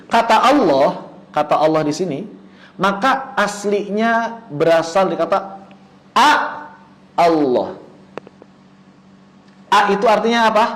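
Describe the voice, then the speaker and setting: A man with a fairly high voice teaches recitation rules to an online class. He keeps asking questions and then answering them himself. He draws out example words in a slow chant. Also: fairly bright tone, poor audio. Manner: chants Quranic words slowly and drawn out. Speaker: tajwid teacher. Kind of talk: online lesson.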